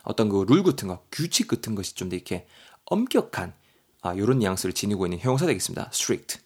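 A man with a Gyeongsang Korean accent teaching English vocabulary on a podcast. He spells words letter by letter, repeats them, and reads example sentences slowly. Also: fairly low pitch, big pitch swings, a little mellow, slightly rough.

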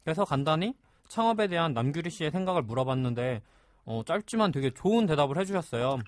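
A man's voice: on the high side, quick pace, dry recording, studio quality. A man hosting a casual podcast, introducing segments and guests. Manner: lively, steering the talk with introductions. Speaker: podcast host.

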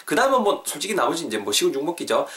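A man hosting a podcast English lesson, chatty and questioning his listeners, slowing down to repeat example phrases. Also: on the high side, big pitch swings, a bit bright, recorded from a distance. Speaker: English teacher, podcast host.

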